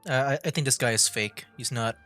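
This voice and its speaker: While streaming a story game, a man gives casual let's-play commentary, rambling, laughing easily, and using loads of fillers as he reacts. His mid-pitched voice is quick and sharp, with game music playing behind the stream.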